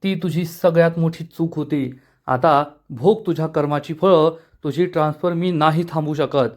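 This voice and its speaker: A man's voice: on the high side, normal speed, a little mellow, close to an everyday voice. A man voicing a stern senior woman doctor who scolds firmly. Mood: scolding. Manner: scolding, firm.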